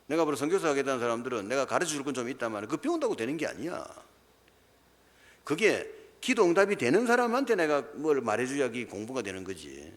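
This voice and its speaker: A man's voice: mid-range voice, big pitch swings, fast talker. A man with a Gyeongsang Korean accent, a pastor preaching a sermon, emphatic and constantly throwing rhetorical questions at the congregation. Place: large church hall. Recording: long church hall reverb.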